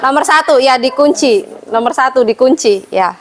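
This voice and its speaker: An Indonesian woman teacher runs a staff training session in a high, light voice. She explains patiently, pauses on fillers, and keeps turning to her colleagues with polite questions. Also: lively intonation, some chatter behind. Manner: explains patiently, addresses audience as Bapak Ibu, frequent fillers. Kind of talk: classroom presentation to colleagues.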